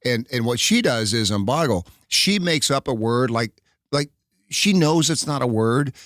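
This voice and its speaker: A middle-aged man hosting a radio show, chatting casually, animated and quick to laugh, often restarting his sentences. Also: medium pitch, no echo, clean studio sound. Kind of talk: casual chat.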